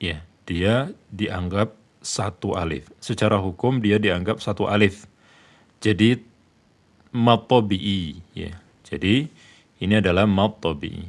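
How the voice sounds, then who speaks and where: A man's voice: low voice, slow pace, long pauses. A man teaching a tajwid lesson, patiently repeating each point and posing and answering his own questions. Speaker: Quran recitation teacher.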